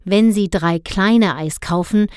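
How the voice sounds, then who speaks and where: Courteous calm ice cream man in a storybook, read by a woman, formal, slow, dry sound. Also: medium pitch, clean tone, no echo, natural voice. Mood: polite calm. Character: polite, calm male ice cream seller.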